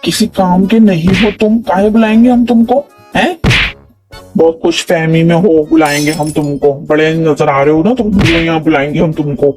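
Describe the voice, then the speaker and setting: A man's voice: fairly high pitch, steady tone, moderate pace, lightly acted. A man voicing a quarrelsome cartoon man who scolds and taunts a coworker, keeps asking if he understood. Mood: scolding. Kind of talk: animated comedy dialogue. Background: background music.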